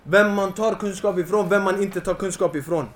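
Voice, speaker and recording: Impassioned young male lecturer, echoey room. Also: high-pitched. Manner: impassioned, rising to near-shouting. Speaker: Islamic lecturer. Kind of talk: Islamic lecture to young audience.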